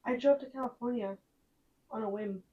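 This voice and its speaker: A woman's voice: a little high, moderate pace, distant mic, phone-quality sound. A woman co-hosting a casual podcast, telling stories and quoting herself and others, swearing now and then. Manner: chatty storyteller, quotes herself and others. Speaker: podcast co-host. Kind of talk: casual chat.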